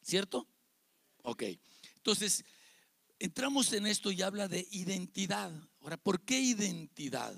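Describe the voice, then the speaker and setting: A man's voice: sits high, expressive, unhurried, vocal fry, a bit bright, no echo. A man with a Mexican Spanish accent, a pastor giving an evangelical sermon to his congregation, emphatic and repetitive, with rhetorical questions. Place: church service with congregation.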